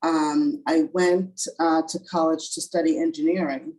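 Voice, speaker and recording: Woman, middle-aged, low pitch, mellow tone, relaxed with many pauses. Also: rough recording. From born in Guyana, grew up in Brooklyn. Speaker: physician guest. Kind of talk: casual interview answers.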